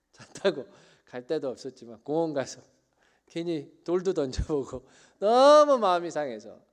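A middle-aged man preaching a sermon as pastor, swinging between loud emphatic bursts and quiet dropped phrases. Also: medium pitch. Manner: preaching with rising emphatic bursts and soft drops.

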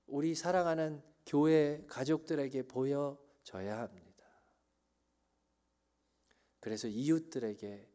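A middle-aged male pastor delivering a sermon, his voice at an ordinary middle pitch. He builds to loud, emphatic peaks, then sinks to soft, quiet endings. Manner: preaching with rising emphatic bursts and soft drops.

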